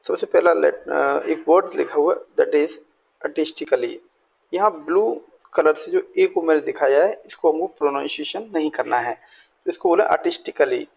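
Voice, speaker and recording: Husky, gravelly male teacher. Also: fairly high pitch, darkish tone, poor audio. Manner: explains slowly, mixing Hindi and English, repeating words for practice. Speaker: English teacher. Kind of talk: screen-recorded Hindi-English pronunciation lesson.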